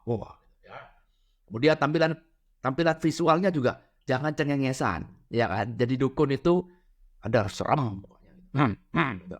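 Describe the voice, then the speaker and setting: A middle-aged man lectures in a relaxed, conversational way. His pitch sits in an ordinary middle register, and he keeps tossing quick tag questions to the audience as he explains. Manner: lively, peppers talk with "ya" and "benar ya?". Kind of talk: casual spiritual lecture.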